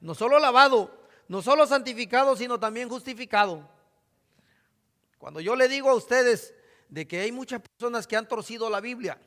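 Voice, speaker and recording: Preacher guy, really high bright voice, booming reverb, gets quiet then loud on the verses. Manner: swings from hushed asides to loud emphatic scripture reading. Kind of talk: sermon. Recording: hall reverb.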